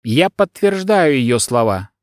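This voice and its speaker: A man voicing an electronic secretary, soft-spoken, formal and level. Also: medium pitch, big pitch swings, normal speed, no echo, clean studio sound. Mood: calm. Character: electronic secretary, male, polite, calm machine.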